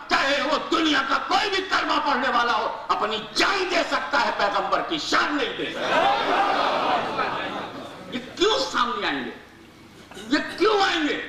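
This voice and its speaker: High, fiery man preaching in echoey hall. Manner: impassioned, rhetorical repetition, shouting. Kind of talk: fiery religious speech. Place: large hall with audience. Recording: echoey hall from a distant mic.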